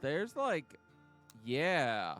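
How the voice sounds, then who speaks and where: A man's voice: a little high, huge pitch swings, extremely slow, fairly bright tone, faint music behind, pitched above the performer's own voice, heavily acted. Man putting on a ditzy, whiny valley-girl palm tree. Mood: chatty. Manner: drawling, sighing, full of "like". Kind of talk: voicing a character in a tabletop game.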